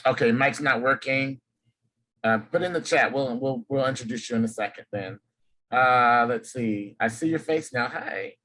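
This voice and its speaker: The workshop host from Los Angeles runs video call introductions, naming each participant in turn with cheerful energy. He speaks at a moderate pace in a medium-pitched, fairly bright voice, heard through a video call microphone.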